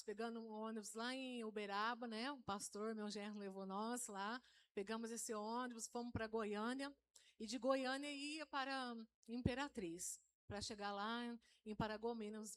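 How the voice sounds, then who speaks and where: A woman's voice: on the high side, fairly even intonation, a little slow. A middle-aged woman from inner São Paulo giving a storytelling testimony to a live church congregation, often calling out to the brothers. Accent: Brazilian Portuguese, interior São Paulo. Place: church hall, live service.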